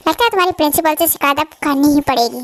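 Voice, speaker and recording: A woman's voice: high-pitched, very fast, close to an everyday voice. A woman voicing a strict male college professor in an amateur fan dub, scolding a student. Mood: stern.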